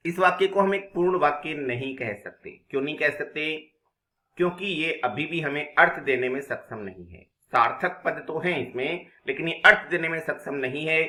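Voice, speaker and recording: A man's voice: fairly high pitch, moderate pace, bright, forceful tone, echoey room. A man teaching an exam-prep grammar lesson, explaining step by step and asking and answering his own questions. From India.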